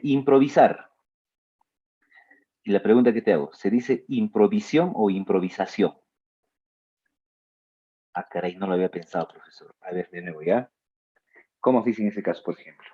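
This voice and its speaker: A male teacher giving a spelling lesson, drawing out his words slowly and adding playful asides to his students. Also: medium pitch, slightly rough, highs cut off. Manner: slow, drawn-out words, playful asides to the listener.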